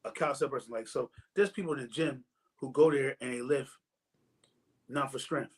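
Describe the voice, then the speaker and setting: This forties-aged podcast host has a husky, medium-pitched voice and talks a little fast. In casual conversation he meanders, repeating words until he reaches his point.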